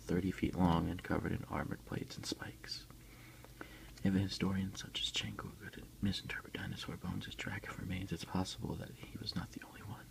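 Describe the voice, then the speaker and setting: Whispering softly and unhurriedly close to the mic, a male ASMR creator reads aloud and comments during an unboxing. His voice is deep and creaky, and the recording is low quality.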